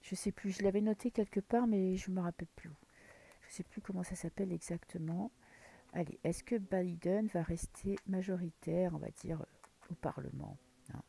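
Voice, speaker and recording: A woman's voice: fairly low pitch, normal speed, gravelly, dark tone, slightly rough. A woman from France giving a casual tarot reading to camera, thinking aloud as she draws cards and sometimes dropping to a whisper. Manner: muses aloud while drawing cards, drops into whispers. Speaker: tarot card reader.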